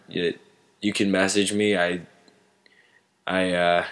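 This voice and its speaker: A man giving casual, unscripted sports commentary to online viewers in a halting way, searching for words. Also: sits low, little pitch movement, fairly bright tone.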